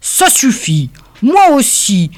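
A woman's voice: high voice, big pitch swings, measured pace, dry recording, pitched above the performer's own voice. A woman voicing a weary, good-natured Father Christmas in a storybook reading. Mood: calm.

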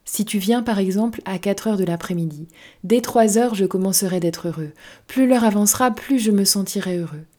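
A woman reading a soft-spoken wise fox. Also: mid-range voice, brisk, natural voice. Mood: tender. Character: wise gentle male fox, patient and wistful. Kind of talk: storybook reading.

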